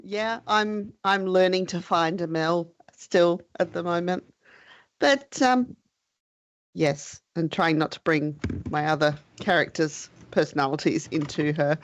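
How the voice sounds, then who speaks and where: A woman with an Australian accent, chatting casually as a player in a tabletop game, bubbly and giggly. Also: fairly low pitch. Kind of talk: casual out-of-character chat. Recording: dull lo-fi mic.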